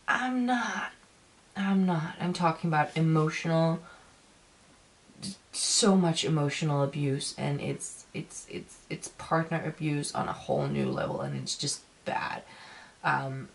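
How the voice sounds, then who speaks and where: A woman giving a casual video review, ranting emphatically in a halting, repetitive way. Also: low voice. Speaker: film reviewer.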